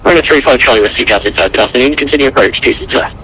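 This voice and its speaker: Man, air traffic controller, muffled radio, very quick delivery, clipped procedural phrasing. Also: mid-range voice. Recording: muffled radio, faint noise.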